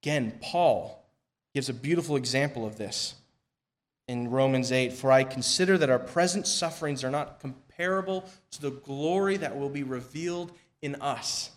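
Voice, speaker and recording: A man preaching a sermon and leading prayer at a pulpit microphone in a church, reading scripture in a measured, emphatic way that falls soft at the ends of phrases. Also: mid-range voice. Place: church sanctuary.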